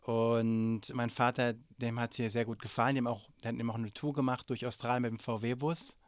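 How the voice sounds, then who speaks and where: A German man in his forties answers interview questions as a guest, hesitating with many fillers and restarts. His medium-pitched voice moves briskly with little pitch variation, recorded with clean studio sound and no room sound.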